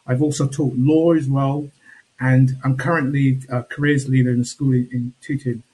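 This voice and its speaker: A man on a video call, introducing himself as a panellist in a measured way with pauses and restarts. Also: mid-range voice, flat delivery, mellow, slightly rough, poor audio. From England.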